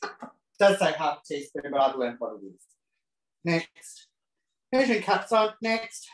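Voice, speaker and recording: On a self-positioned camera in an echoey kitchen, a man with a voice on the high side delivers a casual live cooking demo. He's very animated but keeps a measured pace, camp and talkative, slipping in cheeky asides.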